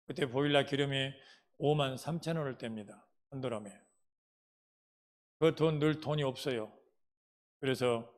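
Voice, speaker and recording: Folksy Korean pastor with Jeolla dialect. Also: male voice, mid-range voice. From Jeolla province, Korea. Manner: folksy storytelling, asks the congregation questions. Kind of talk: sermon with personal testimony.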